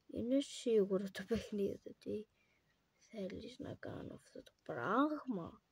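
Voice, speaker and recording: A young woman giving gameplay commentary, talking to the game's characters and repeating her questions, switching between hushed whispers and sudden loud outbursts. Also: mid-range voice, expressive, husky, dry recording. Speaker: gamer.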